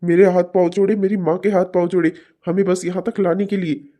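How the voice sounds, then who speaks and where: A man's voice: high-pitched, level tone, a little fast, mellow, lightly acted. A man voicing an angry, protective village father in a cartoon who scolds furiously. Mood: furious, accusing. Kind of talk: cartoon voice acting.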